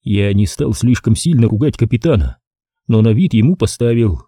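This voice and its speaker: A man narrating a first-person audiobook in a measured storytelling manner. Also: lowish voice, expressive, warm tone, no echo, clean studio sound.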